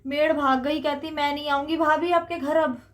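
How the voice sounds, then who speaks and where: A woman's voice: high voice, steady tone, moderate pace, natural voice. A middle-aged woman with a Haryanvi accent playing a chatty, gossipy mother-in-law in a comedy skit.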